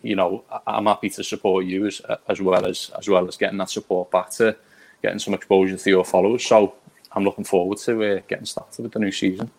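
Low, even-voiced man chatting casually. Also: quick pace, creaky. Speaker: podcast guest, print designer. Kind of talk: casual chat.

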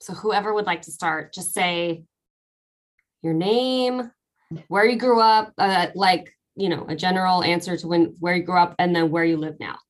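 A woman from Northern California hosts a casual podcast chat, upbeat and talkative and quick to laugh. Her voice is lowish and moves at a normal speed.

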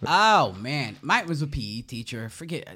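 Guy on a comedy podcast, kinda high voice, swings all over, loud crude jokes. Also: sing-song, normal speed, slightly rough. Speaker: podcast co-host. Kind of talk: casual comedic chat, reading news.

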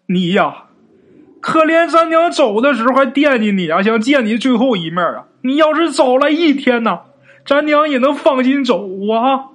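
A man's voice: high-pitched, huge pitch swings, moderate pace, pauses often, slightly rough, full character voice. A man voicing a mourning elder brother who pleads tearfully with his sibling. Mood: tearful pleading.

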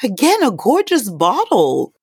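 A woman co-hosting a podcast, relaxed and laughing often. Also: a little high, unhurried, slightly rough, dry recording, studio quality. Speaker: podcast co-host. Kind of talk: casual chat.

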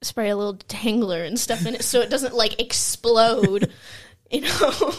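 A young woman with a slightly high voice co-hosts a casual podcast. She rambles through her stories and giggles often, keeping things light and chatty. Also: a little slow. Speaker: podcast co-host. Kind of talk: casual chat.

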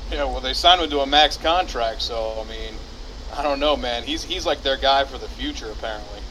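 Bright-voiced man in casual sports banter. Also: medium pitch, a little fast, low-quality recording. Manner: slangy, says dude and man. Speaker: sports podcast host. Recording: faint background noise.

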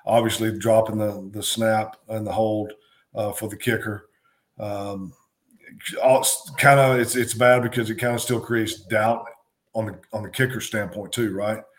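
A middle-aged man, a former football coach, co-hosting a sports talk show, talking in a halting way with many ums and restarts. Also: on the low side, flat delivery.

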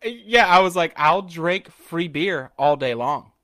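This podcast co-host, a man with a Southern accent, tells casual stories laced with swearing, animatedly acting out the quotes. His voice runs on the high side and he takes it slowly.

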